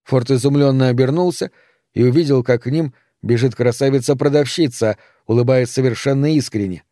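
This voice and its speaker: A man narrating an audiobook in a steady, expressive storytelling manner. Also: medium pitch, brisk, no echo, clean studio sound. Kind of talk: scripted narration.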